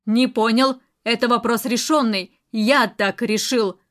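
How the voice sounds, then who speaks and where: A woman reading an audiobook, voicing a domineering, murderous militia colonel who speaks loudly and slowly in threats. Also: fairly high pitch, lightly acted. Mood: cold, domineering. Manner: loud, slow, threatening and mocking.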